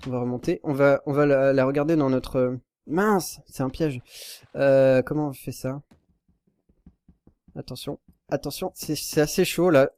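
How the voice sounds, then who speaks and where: Young guy talking over his game, mid-pitched easygoing voice, rambles a lot then yelps in a panic. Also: steady tone, measured pace, darkish tone, smooth, no room sound. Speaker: Minecraft YouTuber. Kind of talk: casual gameplay commentary.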